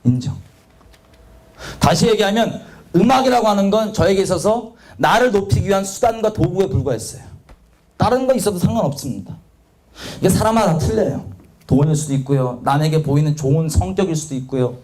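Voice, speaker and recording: A man delivers a confessional sermon about his own failings. His voice sits on the high side and his pitch leaps and dives constantly. He slips into the voices of the people he quotes and mocks himself bluntly. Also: lively intonation, brisk, a little mellow. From South Korea. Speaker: preacher giving testimony. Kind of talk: testimony sermon.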